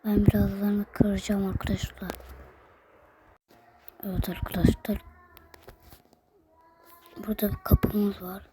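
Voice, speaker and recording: A woman vlogger whispering softly as she shows things to her viewers, her voice a little hoarse from being ill. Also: medium pitch, little pitch movement, takes it slowly, pauses often, background noise. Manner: soft whisper, addressing viewers as friends. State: ill, voice going hoarse at times. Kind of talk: whispered show-and-tell vlog.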